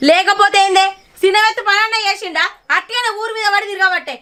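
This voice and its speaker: Middle-aged village mother-in-law, played by a woman: Telangana Telugu accent, very high voice, scolding and taunting. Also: steady tone, quick pace, bright, forceful tone. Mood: complaining. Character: nagging, bitter village mother-in-law, quick to quarrel. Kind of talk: village short-film acting. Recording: background music under dialogue. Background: film music.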